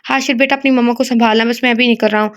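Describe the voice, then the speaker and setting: A woman's voice: a little high, steady tone, very fast, close to an everyday voice. A woman voicing a worried father who speaks with anxious urgency on a phone call.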